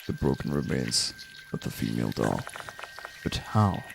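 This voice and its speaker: A man's voice: very deep voice, big pitch swings, a little slow, vocal fry, background noise. A man reading game narration aloud dramatically, acting it out and now and then stumbling over a word. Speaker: game streamer.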